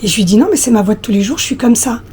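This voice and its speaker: A lifestyle vlogger in her thirties tells stories to her followers in a relaxed, chatty vlog, speaking very fast and directly to viewers. Her husky, soft, mellow voice sits slightly high for a woman and is hoarse from a recent flu, with some coughing. She hesitates often, uses many fillers, and searches for her next word.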